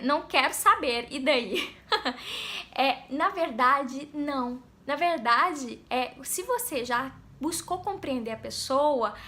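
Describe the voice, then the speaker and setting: A woman's voice: high voice, pushed and bright. A Brazilian woman coaching on a live stream, patiently explaining communication steps and acting out sample dialogues. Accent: Brazilian Portuguese. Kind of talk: live-stream talk answering chat.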